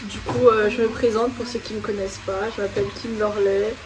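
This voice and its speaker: A French woman in her twenties, a guest cook, chats casually in her home kitchen for a cooking vlog, rambling with plenty of fillers. Her medium-pitched voice is flat and a little fast, and the low-quality recording carries a slight hiss or hum.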